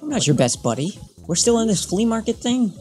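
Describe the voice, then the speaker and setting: A man talks through a video game in a loose, joking let's-play style. His voice is animated and bouncy in pitch as he mock-bargains and argues with the characters. Faint game music plays behind him. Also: fairly quick. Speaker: gameplay commentator. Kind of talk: casual let's-play commentary.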